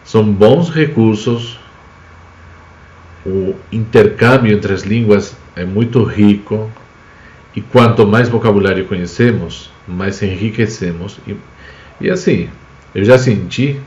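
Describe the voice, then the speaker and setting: This teacher, a Spanish man from the Basque Country with a native Spanish accent, runs a casual live language lesson where he illustrates words with examples. His voice sits fairly low with a darkish tone, and the audio is dull, captured in an echoey room.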